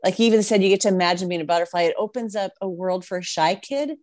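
A woman's voice: lowish voice, quick pace, darkish tone, no echo, studio quality. Chatty woman in her sixties, closely recorded. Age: 60s. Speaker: podcast host and interviewer. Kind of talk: casual conversational interview.

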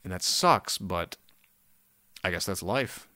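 This is a man with a deep, gravelly voice who sounds very tired and sleepy. He chats solo as a podcast host in a rambling, self-deprecating way, swearing casually. The sound is dry, with no room echo. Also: animated, slow pace, bright, forceful tone.

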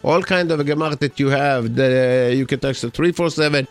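A man's voice: medium pitch, brisk. Male radio host over background music. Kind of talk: casual community radio announcements.

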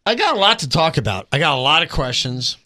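A man hosting a radio sports show, his voice bright and ringing, swinging up and down through a lively, animated pitch. He teases the panel and laughs often, speaking into a studio mic. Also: fast talker, no echo. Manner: joking, teasing, laughs often. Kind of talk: casual sports radio banter. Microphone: studio microphone.

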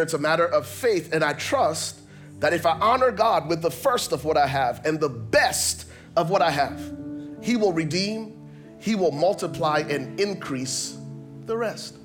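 A male pastor preaches in a slightly raised voice, emphatic and rhythmic. He often repeats words and lines them up in pairs for effect. Faint music plays quietly behind his sermon. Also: a little high, lively intonation, measured pace. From Liberia.

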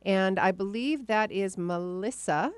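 A woman's voice: mid-range voice, measured pace, clean tone, no room sound. A woman hosting a radio call-in show, chatty and effusive, full of endearments.

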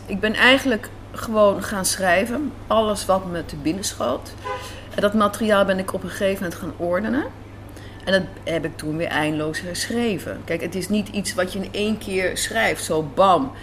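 Interviewed as a writer in a café, a woman speaks informally, thinking aloud and repeating phrases for emphasis. Her voice is medium-pitched and a bit bright at a moderate pace. Faint café ambience and room noise sit in the background.

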